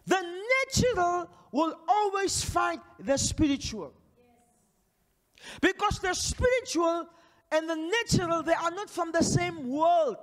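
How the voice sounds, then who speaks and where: Fiery high-voiced pastor in an echoing hall. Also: male voice, lively intonation, slow pace. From Namibia. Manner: fiery, shouting declarations and prophecies; pacing and gesturing energetically. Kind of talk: charismatic sermon. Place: large church stage. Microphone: handheld mic. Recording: long hall reverb.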